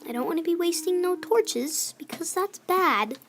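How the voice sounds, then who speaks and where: A woman's voice: very high-pitched, animated, normal speed, a bit bright. A young girl chatting casually as she plays a video game, scolding her villagers and narrating what she builds. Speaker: gamer. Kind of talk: casual gameplay commentary. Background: faint music from a clarinet.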